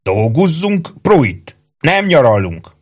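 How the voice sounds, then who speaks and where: A man's voice: fairly high pitch, sing-song, slightly rough, voice pushed up. A man voicing a bossy, suspicious army sergeant who bellows orders in rustic, slurred speech. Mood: needling.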